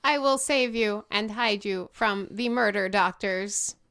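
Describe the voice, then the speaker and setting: A woman voicing a polite, overly helpful male robot newsstand attendant from the future, speaking slowly and evenly. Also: medium pitch, vocal fry, fairly bright tone, smooth. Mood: calm, helpful. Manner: slow, measured, overly helpful.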